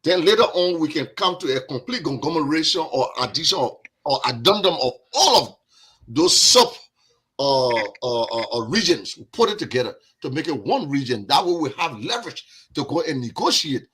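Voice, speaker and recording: A man's voice: a little high, sing-song, normal speed, a bit bright, breathy edge. A man with a Liberian accent, a guest on a discussion podcast, talking earnestly and repeating words as he builds his point.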